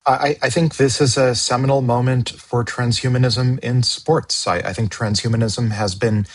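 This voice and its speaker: A man's voice: mid-range voice, fairly even intonation, normal speed. A man talking as a regular panelist in a casual podcast discussion, often repeating words as he restarts, speculative. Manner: stammering word repeats, speculative.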